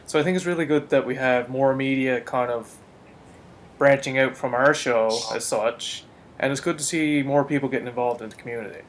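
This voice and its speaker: A man co-hosts a gaming podcast and speaks in a measured, thoughtful way, leaning on fillers as he works through his points. His pitch is middling for a man. A faint low rumble runs under his voice. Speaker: co-host. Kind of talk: casual podcast chat.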